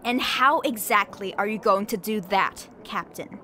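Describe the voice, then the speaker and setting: A woman playing a proud young pony princess in a radio drama, regal and expressive in manner. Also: medium pitch, measured pace, background noise, natural voice. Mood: exasperated, indignant. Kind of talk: fan radio drama voice acting.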